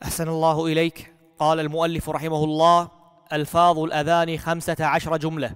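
Man reading in a very flat, clear voice. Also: on the high side, fast, in a large hall. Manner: flat, even recitation. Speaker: student reading the text aloud. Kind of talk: formal reading of a legal text.

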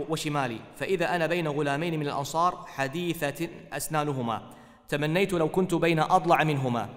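A man reading religious texts aloud in a steady, formal way. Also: a little high. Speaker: reader of hadith texts. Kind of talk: formal text recitation. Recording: hall with long reverb.

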